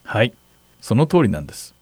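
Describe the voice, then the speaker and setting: A man serving as pastor, calmly explaining scripture in a Bible question-and-answer talk. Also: mid-range voice, brisk, breathy edge, dry recording, studio quality. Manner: calm, explanatory, asks partner to read verses. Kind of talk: Bible Q&A teaching.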